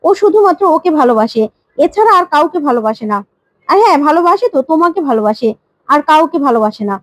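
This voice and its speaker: A woman voicing a sharp-tongued young woman who accuses her mother sarcastically, in a retold serial story. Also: sits high, animated, quick pace, no echo. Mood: scornful.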